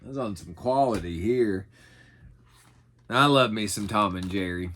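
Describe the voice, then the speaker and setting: Showing his thrift finds, this middle-aged vlogger rambles casually with folksy, self-deprecating humor, like an unscripted haul video. He speaks a little slowly in a fairly low, slightly bright voice.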